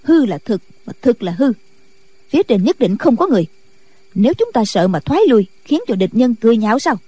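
A woman's voice: on the high side, big pitch swings, brisk, warm tone, breathy edge, no echo. A woman voicing a stern, impatient female Buddhist nun who speaks in curt commands.

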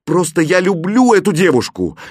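An ardent young prince who blurts out his love with heat, as a man reading the tale puts him on. His pitch moves with lively swings, close and dry. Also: moderate pace, slightly rough, no echo, full character voice. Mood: passionate. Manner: passionate, exclaiming.

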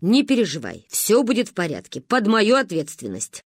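A woman reading a story aloud and voicing a calm, reassuring father who works as a doctor. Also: mid-range voice, moderate pace, slightly rough, no echo, clean studio sound, heavily acted.

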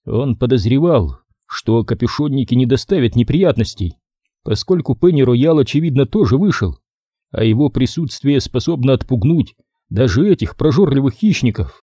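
Male audiobook narrator with an animated delivery and a dry studio sound. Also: mid-range voice, moderate pace, dry recording. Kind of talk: scripted narration.

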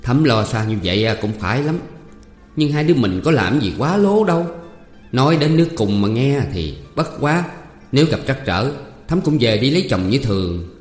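A man's voice: mid-range voice, very animated, normal speed, a little mellow, lightly acted. A man with a Southern Vietnamese accent voicing a pushy, eager young landowner's son in a storybook, coaxing and teasing. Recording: roomy reverb, faint music.

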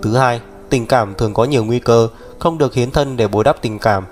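Một người đàn ông đọc truyện, đóng vai người anh trai trẻ bảo bọc, hay ra lệnh, nói chắc nịch kiểu lên lớp. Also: male voice, mid-range voice, normal speed, close to an everyday voice. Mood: lecturing. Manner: firm, lecturing. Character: young man, protective bossy older brother.

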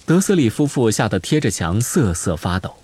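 Male audiobook narrator, low voice, lively delivery, scripted storytelling. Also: normal speed, a little hiss or hum. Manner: expressive storytelling.

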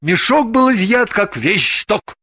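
A woman voicing a composed, handsome man who talks slowly in a theatrical, declaiming tone, in an audiobook reading. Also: medium pitch, big pitch swings, fairly bright tone, no room sound, voice pushed up, heavily acted. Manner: slow, declaiming storyteller tone.

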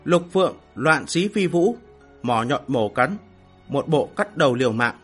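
A man narrating a fantasy novel in a steady, dramatic storytelling manner. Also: mid-range voice, a little slow, husky, faint music behind. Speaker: audiobook narrator.

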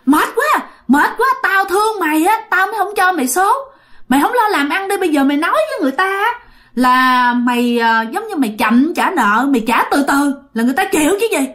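A woman voicing a furious, bullying male ghost who barks repeated questions in a shrill, scolding voice. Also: lively intonation, moderate pace, hardly any pauses, fairly bright tone.

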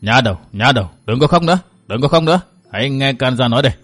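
A man voicing a stubborn, boastful old martial-arts master who talks loud and blunt. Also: mid-range voice, fast talker, soft background music, lightly acted. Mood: coaxing. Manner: loud, gruff and brusque.

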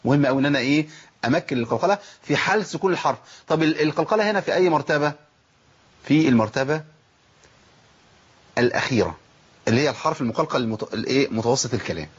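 A man's voice: medium pitch, breathy edge, lo-fi sound. A man with an Egyptian accent teaching tajweed, asking himself questions and demonstrating letter sounds. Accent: Egyptian Arabic. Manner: fast, animated teaching with self-asked questions and demonstrations. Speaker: Quran recitation teacher. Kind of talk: tajweed lesson.

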